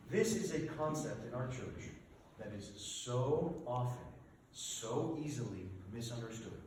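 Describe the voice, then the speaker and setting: Animated priest preaching in an echoey church. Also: male voice, medium pitch, distant mic, noisy background. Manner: animated, emphatic preaching with rhetorical questions. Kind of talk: sermon. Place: church sanctuary.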